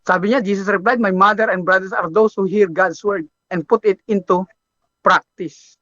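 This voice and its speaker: A male preacher with a high, lively voice delivers a sermon. He tells stories with animation and drops in English phrases now and then. The recording is dry and somewhat dull. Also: moderate pace, dry recording. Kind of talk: Filipino sermon.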